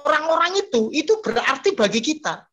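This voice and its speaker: A man's voice: very high voice, sing-song, fairly quick, loud music behind the voice. A man, a pastor, in an earnest, coaxing Bible study talk that rises emphatically on key points. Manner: earnest, coaxing, often tags his points with a friendly address.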